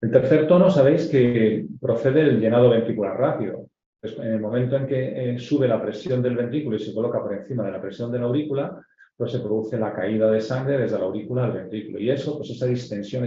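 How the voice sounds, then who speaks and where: A man's voice: mid-range voice, mellow. A man from Spain with a Castilian accent, a pediatric cardiologist giving a medical lecture to residents, explaining step by step with frequent filler words. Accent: Spanish from Spain. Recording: dull, echoey lecture audio.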